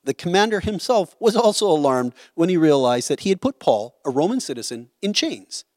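A man's voice: fairly high pitch, very animated, a little fast, darkish tone, no echo, clean studio sound. A man teaching a Bible study, explaining a passage in a conversational way and often checking in with "right?".

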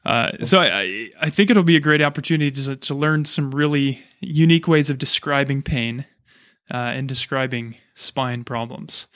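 A chiropractor who hosts a podcast chats casually in an interview, explaining things as he goes. His mid-range voice has a fairly bright tone and moderate pace, recorded in studio quality with no room sound.

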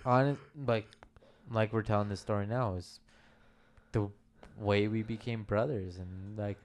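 In a home basement, a young man with a fairly low voice and fairly even intonation chats with friends, speaking unhurriedly. He reminisces in a rambling, sentimental way and swears a lot as he tells his stories.

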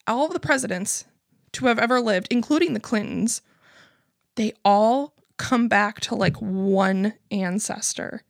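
A woman's voice: medium pitch, unhurried, creaky, no room sound, clean studio sound. A young adult woman hosting a podcast, telling a story in a rambling casual chat full of swearing and laughs. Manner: profane, rambling, laughs often. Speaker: podcast host.

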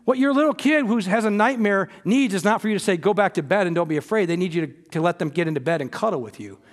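A man with a fairly high voice preaches a sermon from the pulpit. He moves from quiet, earnest passages to emphatic, repeated lines, with casual asides dropped in. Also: animated, fast, long reverb tail. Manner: conversational asides with light humor. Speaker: pastor.

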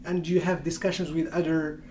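A young Moroccan native Berber speaker talks in English in a conversational interview, sounding hesitant with lots of fillers and restarts. His voice is on the high side with a darkish tone, delivered flatly and fairly quickly, against a little hiss or hum.

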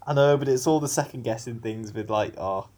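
A man's voice: medium pitch, brisk, a little mellow. A man co-hosting a casual podcast, playful and giggly, often second-guessing himself. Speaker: podcast co-host. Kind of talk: casual chat.

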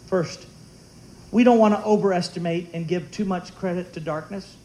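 Pastor, male, higher pitch, conversational sermon with jokes, light hiss in the room. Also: normal speed, poor audio. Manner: animated, conversational preaching with humorous asides. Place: church sanctuary.

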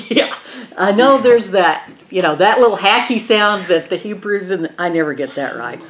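A woman's voice: mid-range voice, animated, normal speed. A woman with a twangy West Texas accent teaching an informal Bible lesson in a folksy way, often checking in with the group. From eastern New Mexico and West Texas, USA.

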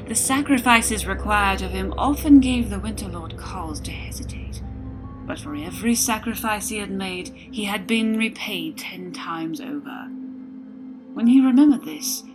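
A woman storyteller giving a scripted narration with a soft, dramatic delivery that often drops to a whisper. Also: fairly low pitch, low-quality recording. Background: music.

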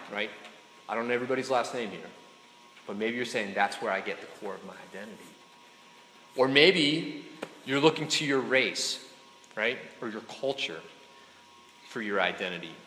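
A man gives a chatty sermon to students, often checking in with "right?" and "okay?" and joking with the crowd. His medium-pitched voice is sharp and expressive at a moderate pace with long pauses, in an echoey hall with faint ambience and a little hiss or hum.

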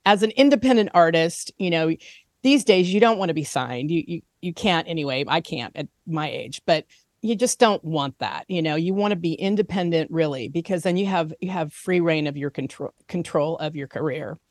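A woman's voice: sits low, moderate pace, a little mellow, dry recording, studio quality. A middle-aged woman, a singer-songwriter guest on a podcast, chatting casually and laughing easily. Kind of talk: casual interview chat.

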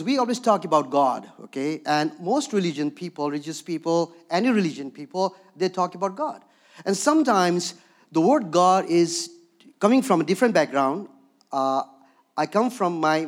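Frequently checking in with "okay?", a higher-voiced man preaches conversationally in a Himalayan accent. He is from Darjeeling, India, with Bhutanese roots. His sermon weaves in stories from his own life.

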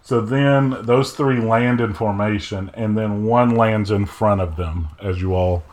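A man narrating as game master of a tabletop role-playing game, describing scenes in a measured way. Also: on the low side, a little mellow.

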